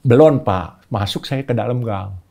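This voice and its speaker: An older man, his voice sitting at a middle pitch. He tells a long story in relaxed podcast chat. Now and then he jumps high and loud to act out shouted lines. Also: a little slow, gravelly. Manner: animated, shouts quoted lines in a much higher voice. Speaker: podcast guest. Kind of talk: casual storytelling.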